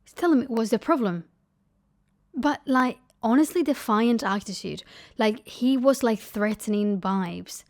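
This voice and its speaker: Young female vlogger, animated storyteller who whispers asides. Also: a little slow. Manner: animated, acts out quotes with big pitch jumps. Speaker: lifestyle vlogger. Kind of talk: casual storytelling to camera.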